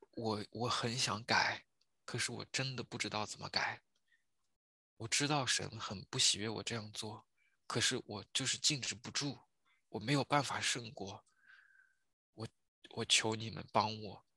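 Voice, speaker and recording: Male pastor, earnest sermon delivery with fillers and repeats; very bright, husky voice, dry close sound. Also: fairly low pitch, no echo. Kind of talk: sermon with a personal testimony.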